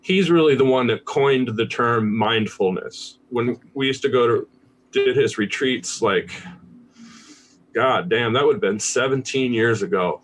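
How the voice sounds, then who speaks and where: A medium-pitched American man speaks a little slowly as a guest in a casual podcast interview. He comes across as candid and easygoing, with plenty of swearing.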